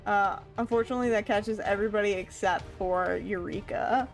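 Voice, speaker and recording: A woman running a tabletop roleplaying game as dungeon master, unhurried and laughing often. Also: mid-range voice, soft background music.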